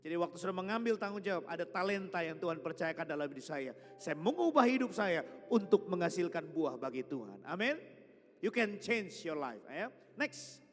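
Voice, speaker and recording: A man preaching a lively sermon, joking and drawing responses from the congregation. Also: sits high, moderate pace. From Indonesia. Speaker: pastor. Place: church hall. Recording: music behind, long hall reverb.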